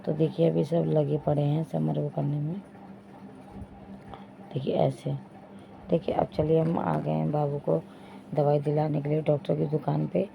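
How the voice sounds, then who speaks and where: Woman, young adult, casual vlog narration, flat monotone, gravelly, faint background noise. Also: sits low, a little slow, long pauses. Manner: chatty, addresses viewers directly, repeats "dekhiye". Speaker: vlogger. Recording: dull lo-fi phone audio with faint noise.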